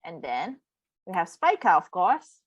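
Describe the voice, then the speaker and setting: Brief: woman language tutor on a video call, slow and patient, lively pitch, dry close sound. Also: dry recording. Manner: patient, repeats words and checks with "okay?". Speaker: online Mandarin tutor. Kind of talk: live online language lesson.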